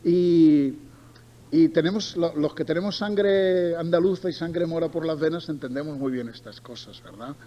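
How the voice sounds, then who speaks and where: Here a sermon mixes Bible reading with storytelling, delivered by a middle-aged Barcelona man speaking with a Spain accent. He repeats points emphatically and turns aside to chat with his listeners, his voice on the high side at a normal pace. The sound is lo-fi and carries noticeable background noise.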